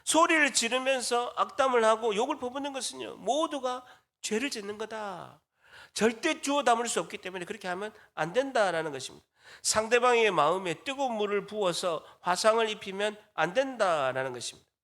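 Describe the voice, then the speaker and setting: Male pastor, sermon delivery, high bright voice, animated call-and-response style. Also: a little fast. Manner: call-and-response preaching, asking the congregation questions. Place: church sanctuary.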